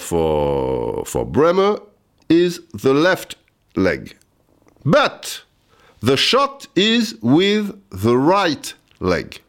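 A man putting on a chirpy ex-footballer pal. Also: smooth. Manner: high, excited, broken English phrasing. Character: cheerful male ex-footballer friend, effusive, halting English.

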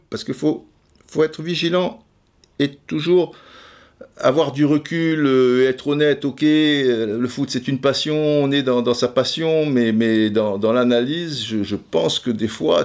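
A man talking casually as a commentator, repeating words as he stammers and swearing now and then. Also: mid-range voice. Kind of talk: casual chat.

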